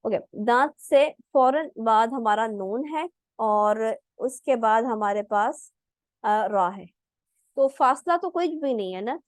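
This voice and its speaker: A woman's voice: on the high side, expressive, slow, dry recording. A woman teaching Quran recitation in an online class, explaining pronunciation patiently step by step and demonstrating the sounds herself.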